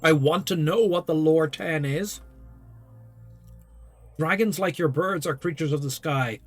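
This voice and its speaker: A man with a fairly high voice hosts a video game playthrough. He reads narration and dialogue options aloud as he goes. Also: unhurried, faint music behind. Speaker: let's play host.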